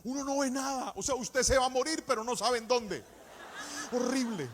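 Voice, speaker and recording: A man preaching a sermon in a church, speaking in an animated, sing-song cadence that rises to shouts and mixes in personal stories. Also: very high-pitched, moderate pace, background noise. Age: adult, married with a child. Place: church service. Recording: echoey church hall.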